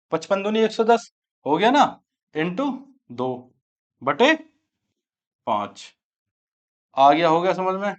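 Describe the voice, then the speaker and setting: High-voiced man teaching maths. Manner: asks students questions and answers them himself; repeats key steps aloud while writing. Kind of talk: exam-prep maths lecture. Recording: dull lo-fi sound.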